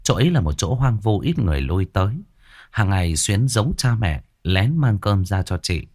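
A man narrating a ghost story in a dramatic, expressive way. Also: fairly low pitch, moderate pace.

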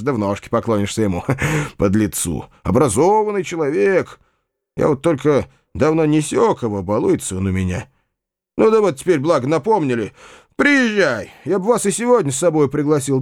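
A man's voice: a little high, no room sound, studio quality, pitched above the performer's own voice. Man voicing a blustering old landowner. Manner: blustering, shouting, quick to temper. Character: irascible older male provincial landowner. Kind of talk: audiobook character voice.

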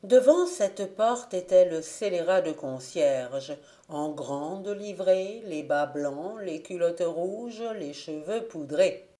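A woman reading a storybook aloud in a calm, measured way. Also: lowish voice. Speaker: audiobook reader. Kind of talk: storybook narration.

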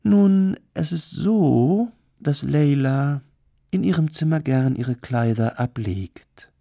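A man's voice: fairly high pitch, animated, slow pace, creaky, dark tone, no room sound, clean studio sound, pitched above the performer's own voice, exaggerated voice. A man voicing a gossipy, fawning matchmaker of unclear sex in a storybook reading. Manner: fawning, wheedling.

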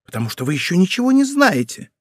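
Male reader doing a lively young court lady for an audiobook; excitable, raised pitch. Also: quick pace, no room sound, studio quality, full character voice. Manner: excitable, exclaiming, higher put-on pitch. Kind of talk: audiobook character voice.

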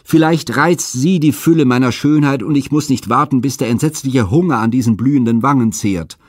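A man reading aloud and voicing a despairing young princess with a high, strained, impassioned lament. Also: a little fast, a little mellow, dry recording, studio quality, natural voice. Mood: desperate. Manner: impassioned, declamatory.

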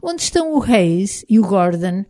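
A woman with a European Portuguese accent voicing a calm, commanding Highland man who leads a band of smugglers, in an audiobook. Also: moderate pace, lightly acted. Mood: calm, wry. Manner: quiet, even-tempered, lightly wry. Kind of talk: audiobook character voice.

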